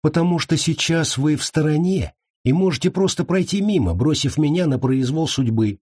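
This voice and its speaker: A man's voice: medium pitch, very animated, measured pace, darkish tone, breathy edge, dry recording, studio quality, pitched above the performer's own voice, exaggerated voice. A man voicing a timid, earnest wild young man in an audiobook, hesitant and worried.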